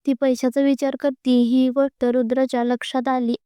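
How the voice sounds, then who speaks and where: A woman's voice: high voice, flat delivery, moderate pace, warm tone, clean tone, no room sound, clean studio sound. A woman narrating a scripted romantic story, reading steadily.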